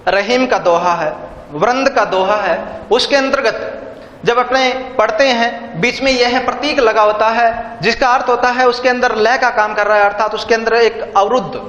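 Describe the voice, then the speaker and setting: A man teaching an online literature lesson, explaining slowly and repeating key terms with synonyms. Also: extremely high pitch, a bit bright. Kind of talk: online Hindi literature lecture. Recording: echoey room, dull lo-fi sound.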